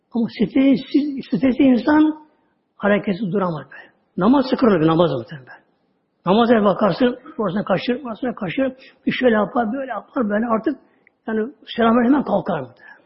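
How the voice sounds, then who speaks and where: A man giving a religious talk, telling stories with drawn-out words and sudden drops to a low voice. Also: animated. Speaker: religious teacher. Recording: dull lo-fi audio recording.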